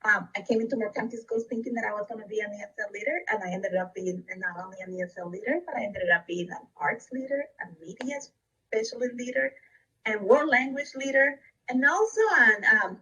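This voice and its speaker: Husky-voiced woman presenting. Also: on the high side, a little fast, bright, forceful tone, far from the mic, low-quality recording. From Costa Rica. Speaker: district education leader. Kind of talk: recorded webinar presentation.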